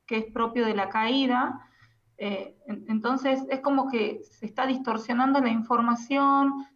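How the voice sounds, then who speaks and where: A woman calling in to a radio interview on a phone held away from her mouth, firmly and insistently rebutting claims. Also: fairly high pitch. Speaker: interview guest, sister of the accused. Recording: distant muffled phone line.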